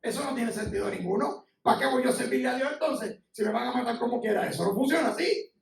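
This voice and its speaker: A man's voice: very high voice, fast talker, creaky. A middle-aged man with a Puerto Rican accent, preaching a sermon in an impassioned, conversational way, sharing personal testimony. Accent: Puerto Rican Spanish. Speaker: pastor. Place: church sanctuary. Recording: echoey church, from far off.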